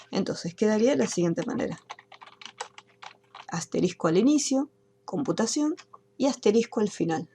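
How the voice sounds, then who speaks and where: A woman teaching an online class, explaining software steps patiently one by one. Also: medium pitch. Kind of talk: screen-recorded software tutorial.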